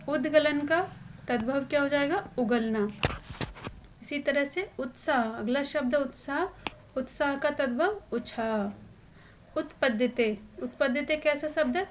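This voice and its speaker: High-voiced woman teaching a grammar class. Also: slight background noise. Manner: asks a question, then answers it herself; stresses the exam-important words. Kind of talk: Hindi grammar lesson.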